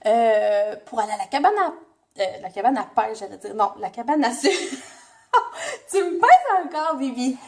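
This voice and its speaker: A woman's voice: medium pitch, animated, moderate pace, gravelly, a little mellow. A young woman with a Québécois French accent, a mother chatting casually to her vlog audience at home, rambling with lots of fillers and self-corrections. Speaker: mother and family vlogger. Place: family home indoors.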